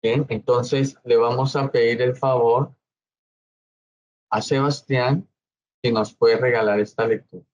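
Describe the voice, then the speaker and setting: A man preaching a slow, measured Bible study sermon as pastor, often checking in with his congregation. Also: mid-range voice, steady tone, muffled recording.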